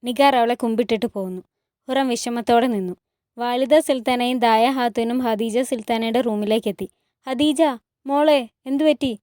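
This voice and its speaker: A woman tells a palace drama as a spoken story and reads every character's lines herself. Her voice sits a little high and sounds mellow and soft. The recording is close and dry, with no room sound. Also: steady tone, normal speed, no room sound. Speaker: narrator retelling a TV drama. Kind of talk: storytelling narration with acted dialogue.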